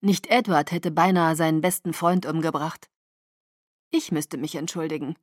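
A woman reading a first-person novel aloud in an expressive audiobook narration. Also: sits low, normal speed, no room sound, studio quality.

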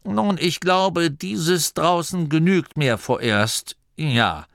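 A man's voice: slow, gravelly, fairly bright tone, no room sound, clean studio sound, heavily acted. A man voicing an old, anxious male gnome abbot who stammers and blusters in a storybook reading. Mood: relieved. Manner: flustered, stammering, high-pitched. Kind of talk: audiobook character voice.

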